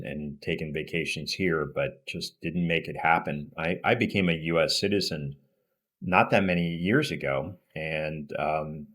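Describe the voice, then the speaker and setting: A middle-aged man born in Peru, a podcast guest talking reflectively with many restarts and fillers. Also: a bass voice. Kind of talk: casual interview conversation.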